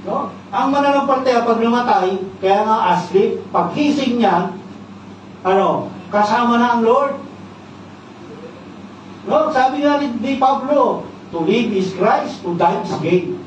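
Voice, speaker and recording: Filipino pastor preaching in an echoey hall. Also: male voice, extremely high pitch, animated, a little slow. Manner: teaching, frequent "no?" tag questions, mixes English terms. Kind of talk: sermon. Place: church worship service. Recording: echoey church hall, distant mic, dull sound, faint noise.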